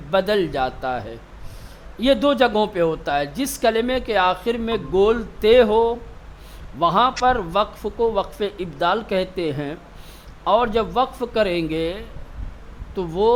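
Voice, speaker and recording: High-voiced male tajweed teacher in class. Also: slight background noise. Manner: asks students questions and answers them himself; repeats key terms slowly. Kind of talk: classroom lecture.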